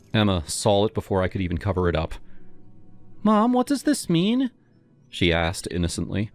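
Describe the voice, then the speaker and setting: A man narrating a horror story in the first person, in a dramatic, expressive way. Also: low voice.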